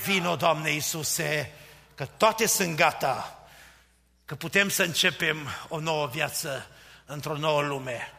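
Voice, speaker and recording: A man preaching a fervent sermon, building from quiet pleading to shouted proclamations. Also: fairly high pitch, creaky. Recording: long reverb of a church hall.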